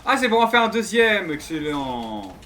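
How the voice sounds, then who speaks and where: This man's high, sharp-toned voice is very animated at a moderate pace as he streams a game. He addresses his viewers in casual slang, comments on the gameplay and reads the dialogue aloud while music plays underneath.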